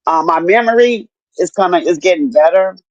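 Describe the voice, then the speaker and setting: A middle-aged woman telling her story in casual chat, animated and profane, acting out what people said to her. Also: lowish voice, brisk, no echo. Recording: dull lo-fi dry sound.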